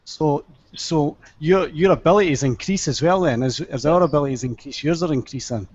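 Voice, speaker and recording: A man's voice: on the high side, normal speed, darkish tone, husky. A man hosting a session, asking questions casually in a hesitant way, repeating his words. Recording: dull, dry lo-fi audio.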